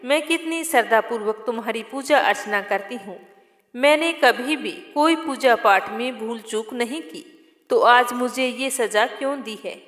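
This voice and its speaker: Woman doing a grieving old mother, desperate tearful pleading, fairly high voice, echoey room, long reverb. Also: measured pace, fairly bright tone. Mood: anguished pleading.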